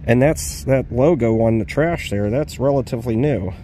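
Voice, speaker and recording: An urban exploring vlogger walks around an abandoned store outdoors, filming on a handheld phone camera and commenting casually, rambling and thinking aloud with fillers. His voice is medium-pitched with a dark tone at a moderate pace, with slight background noise.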